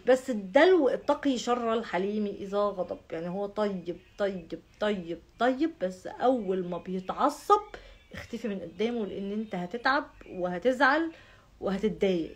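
A woman with an Egyptian Arabic accent, chatting casually to her viewers and stressing points by repeating words over and over. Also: a little high. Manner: emphatic, piles up repeated words. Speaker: astrology vlogger.

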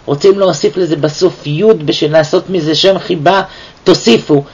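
A man giving a weekly Torah portion lesson, talking in a lively way and firing off rhetorical questions. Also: on the high side, husky. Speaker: Torah teacher. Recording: dull lo-fi recording.

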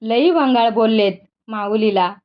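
A woman's voice: fairly high pitch, unhurried, natural voice. A woman voicing a blunt, gossipy village farmer in rustic speech, in a dull lo-fi recording.

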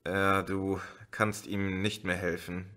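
Guy doing a quiet bearded dude, keeps calm, audiobook. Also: medium pitch, moderate pace. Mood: firm. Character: gruff bearded man, calm under stress.

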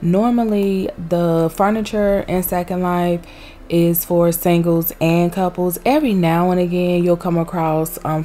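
A lowish, warm-toned voice belongs to a young woman doing a peppy, casual vlog voice-over on a desk microphone at home. She talks with Southern US slang while a loud heater runs in the room.

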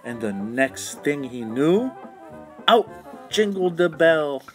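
Over instrumental music, a man reads a children's storybook aloud in a rhythmic, sing-song way as its read-aloud narrator. His voice is a little high and very animated, and he speaks slowly.

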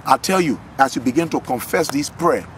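Earnest pastor preaching outdoors. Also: male voice, medium pitch, expressive, brisk, fairly bright tone, slight background noise. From Liberia. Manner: earnest, repeats words while building fervor. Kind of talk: preaching testimony to camera. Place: outdoors in a garden, trees behind. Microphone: camera at close range.

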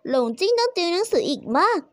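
A woman's voice: very high voice, very animated, quick pace, no echo. A woman reading a dramatized story aloud and voicing every character herself. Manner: switches voices for each character. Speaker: storyteller voicing all roles.

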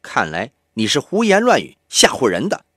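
A man reading an audiobook, voicing a hot-headed young man who taunts in a raised, sharp voice. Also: mid-range voice, huge pitch swings, moderate pace, no room sound, clean studio sound. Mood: mocking.

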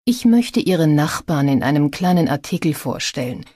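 A woman reading an audiobook, voicing a scheming man who poses as a polite reporter with an oily, drawn-out manner. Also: sits low, big pitch swings, mellow, breathy edge, dry recording, heavily acted.

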